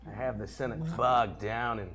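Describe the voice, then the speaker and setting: A man voicing a scheming, smugly commanding dark lord in a comic script read. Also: on the low side, steady tone, moderate pace, crowd noise, lightly acted.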